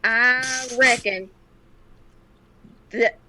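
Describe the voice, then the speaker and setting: Woman playing a slow-drawling, folksy cowboy sidekick. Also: fairly high pitch, steady tone, sharp tone, slight background noise, heavily acted. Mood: folksy grumbling. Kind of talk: tabletop role-play.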